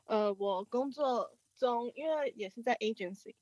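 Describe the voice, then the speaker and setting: A woman's voice: fairly high pitch, measured pace, a little mellow, no echo. A woman who works at an agency, speaking as a guest in a hesitant way with many fillers. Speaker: agency worker, guest caller.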